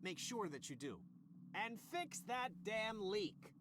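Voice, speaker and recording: A man's voice: sits high, sing-song, takes it slowly, a bit bright, a little hiss or hum, full character voice. An actor voicing an irritable middle-aged male scientist boss who snaps sarcastically and then apologizes. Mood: sarcastic.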